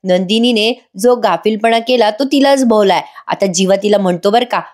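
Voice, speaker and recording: A woman's voice: mid-range voice, normal speed, darkish tone. A woman giving a casual voice-over recap of a TV serial episode, chatting to viewers with wry asides. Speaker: serial reviewer.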